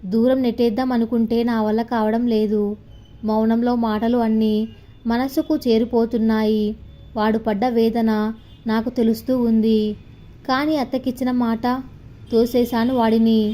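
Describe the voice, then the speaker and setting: Woman narrator, warm tone, tender, emotional story reading. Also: on the high side, little pitch movement, moderate pace.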